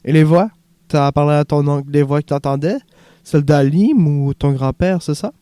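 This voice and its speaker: A man narrates an audiobook in a calm, measured way. His tone is dark and mellow, and his voice is smooth and resonant. The recording is close and dry. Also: on the high side, no room sound. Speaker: audiobook reader.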